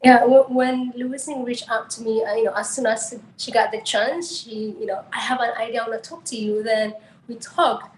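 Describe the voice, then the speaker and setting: A woman from Tigray, Ethiopia, answers an interview casually, her talk full of fillers and feeling. Her voice sits a little high and rings in an echoey room, with faint ambience behind. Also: normal speed, a little hiss or hum. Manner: emotional, many fillers. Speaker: interview guest.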